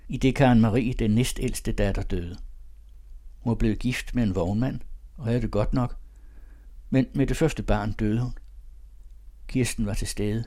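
A man reading a literary story aloud as narrator, in calm, measured storytelling. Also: on the low side.

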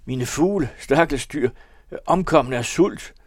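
A man's voice: medium pitch, dry recording, clean studio sound, voice pushed up, lightly acted. A man voicing a desperate, remorseful young man who pleads in a raised voice while reading a novel aloud. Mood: pleading.

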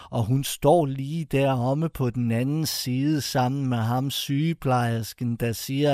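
A man's voice: medium pitch, dark tone, no echo, clean studio sound. A man reading a first-person short story aloud as scripted narration, intense and bitter in manner.

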